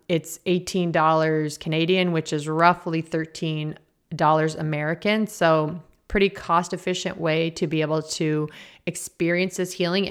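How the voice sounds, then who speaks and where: Female podcast host, low register, chatty and informal, speaking at a desk mic in a small basement office. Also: clean tone. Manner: chatty, informal, laughs easily. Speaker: podcast host and energy healer. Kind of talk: casual podcast chat. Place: small basement office indoors, slightly echoey. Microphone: podcast microphone at a desk.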